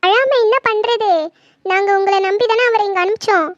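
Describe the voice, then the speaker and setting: A woman voicing a grieving, furious mother in a horror cartoon, shrill and scolding. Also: fairly even intonation, a little fast, a bit bright, dry recording. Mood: bitter, scolding. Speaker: cartoon voice actor. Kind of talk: Tamil horror cartoon dub. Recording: dull dry lo-fi recording.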